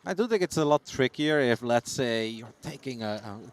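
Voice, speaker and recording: A man's voice: mid-range voice, expressive, moderate pace, a little hiss or hum. A man commentating on live poker in a casual, chatty, jokey and teasing way.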